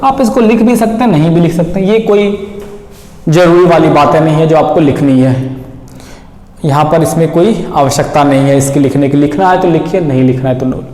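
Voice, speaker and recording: A man's voice: fairly high pitch, a little fast, dark tone. A male math teacher lecturing a class. He keeps asking questions and answering them himself. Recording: echoey room, long reverb.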